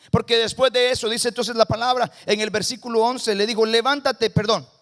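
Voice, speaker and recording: Costa Rican male guest preacher, high pitch, call-and-response sermon in a church. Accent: Costa Rican Spanish. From Costa Rica. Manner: calls for congregation responses, shifts between loud and hushed. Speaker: guest pastor. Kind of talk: lively Spanish sermon. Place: church sanctuary.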